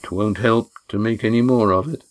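A man reading a story, voicing a weathered older countryman who talks slowly and low. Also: natural voice. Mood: steady. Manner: slow and low, rustic.

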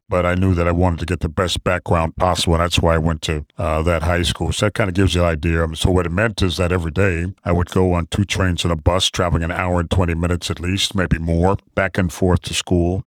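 Deep flat-voiced New man. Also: dry recording, studio quality. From New York City, Queens. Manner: measured, reflective, with many fillers. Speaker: guest, trauma surgeon. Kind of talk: interview conversation.

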